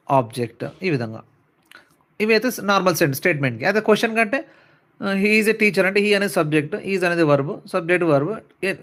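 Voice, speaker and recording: A man teaching an English skills lesson in Telugu, reading English definitions slowly and word by word, and checking in often with "right". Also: a little high, a bit bright. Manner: explains in Telugu, reads English slowly and deliberately. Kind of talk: classroom lecture.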